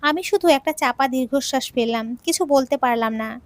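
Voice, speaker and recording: A woman's voice: high-pitched, moderate pace, no room sound. A woman telling an emotional audio story in the first person, earnest and sorrowful, on a close mic.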